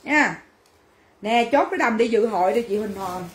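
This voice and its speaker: In an echoey room, a woman with a slightly high, expressive voice speaks at normal speed during a clothing livestream. Her sales chat is brash and teasing, full of banter with viewers.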